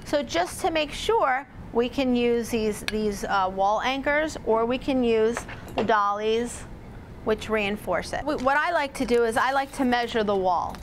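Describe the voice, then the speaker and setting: A chatty woman with a fairly high voice walks a small live audience through household repairs. She talks to them directly and casually, with a faint hum of the room behind her, picked up on a lapel mic. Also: unhurried. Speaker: home repair demonstrator. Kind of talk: live workshop demonstration.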